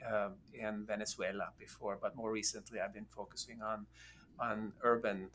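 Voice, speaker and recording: A man's voice: fairly low pitch, flat delivery, normal speed, fairly bright tone, a little hiss or hum. A man from Norway, a guest professor in an interview, hesitant with many "um"s and restarts. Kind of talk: casual interview talk.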